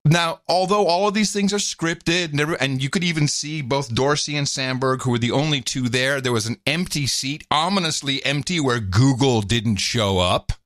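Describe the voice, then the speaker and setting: A man's voice: medium pitch, normal speed, hardly any pauses, dry recording, studio quality. A man co-hosting a podcast, giving casual, sarcastic political commentary with sudden leaps into mocking voices. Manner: animated, sarcastic, jumps into mock voices. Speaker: podcast co-host.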